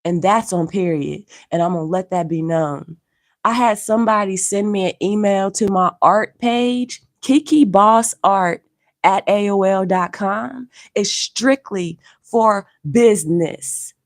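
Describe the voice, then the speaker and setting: A woman's voice: mid-range voice, measured pace, no room sound, studio quality. A woman who is losing her voice and feeling unwell speaks on a home livestream, scolding her viewers bluntly and with profanity while keeping her voice down. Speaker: social media artist and streamer. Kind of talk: live-stream rant to viewers.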